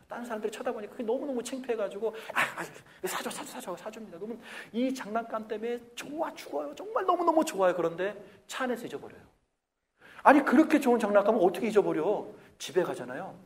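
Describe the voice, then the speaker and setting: A man preaching a Sunday sermon as pastor of a Korean church, acting out complaints in a raised voice between calmer stretches. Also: fairly high pitch, a little hiss or hum. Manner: animated preaching, acts out whiny complaints in a raised voice.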